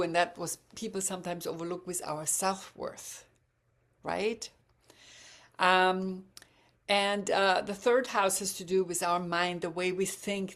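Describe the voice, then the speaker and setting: A bilingual German-Croatian woman from Germany or Croatia, whose first language is German, talks casually about astrology over slides. Her voice is low and gravelly with fry, and she pauses on fillers and restarts sentences at a relaxed, halting pace.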